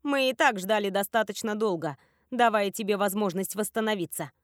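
A woman's voice: medium pitch, a little fast, dry recording, clean studio sound, close to an everyday voice. A woman reading a curt young woman friend. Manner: curt, matter-of-fact.

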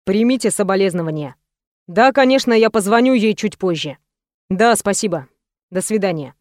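A woman voicing a gentle, tender young man in an audiobook, speaking softly. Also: medium pitch, expressive, moderate pace, no room sound, clean studio sound, close to an everyday voice. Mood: somber. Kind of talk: audiobook reading.

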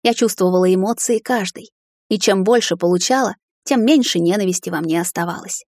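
A woman's voice: mid-range voice, a little fast, darkish tone, no echo, clean studio sound. Woman reading a dramatic fantasy audiobook. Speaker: audiobook narrator. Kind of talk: scripted first-person narration.

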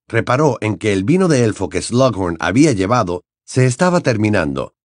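A man narrating an audiobook in an expressive, dramatic storytelling manner. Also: on the low side, no room sound, clean studio sound. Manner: dramatic, varied storytelling delivery.

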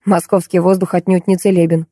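A woman's voice: fairly low pitch, level tone, brisk, mellow, no room sound, clean studio sound, natural voice. Woman voicing a wry young man.

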